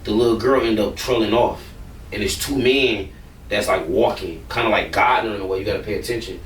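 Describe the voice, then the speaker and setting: A man's voice: fairly low pitch, a little fast, roomy sound, distant mic, a little hiss or hum. A man, a rapper, talking casually and bluntly in an interview, rambling and swearing freely.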